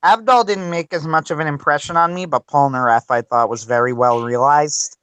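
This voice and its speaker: A man co-hosting a casual livestream chat, giving quick, enthusiastic opinions. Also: on the high side, a bit bright, smooth, no room sound. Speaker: podcast co-host.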